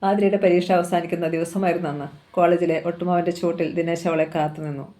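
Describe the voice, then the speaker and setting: A storyteller reading a novel aloud in steady, unhurried narration. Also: medium pitch.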